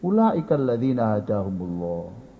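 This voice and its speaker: A man's voice: on the low side, big pitch swings, normal speed, muffled recording. A man with a Javanese accent preaching a folksy sermon and speaking directly to his listeners. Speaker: Islamic preacher.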